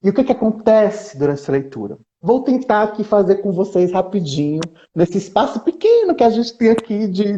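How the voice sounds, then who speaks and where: A man, a researcher, talks as a guest in a casual live-stream chat, dramatizing readings with lively swings in pitch. His tone is mellow and warm. The audio is dull and lo-fi, like a stream. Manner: animated, dramatizes book reading with shifting intonation.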